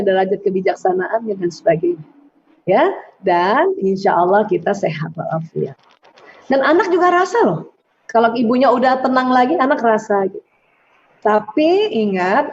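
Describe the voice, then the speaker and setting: A middle-aged woman, a doctor, giving religious self-help advice in an animated way, acting out prayers as she talks. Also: on the high side. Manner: animated, acts out prayers and quotes. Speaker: doctor and speaker answering questions. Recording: dull lo-fi sound.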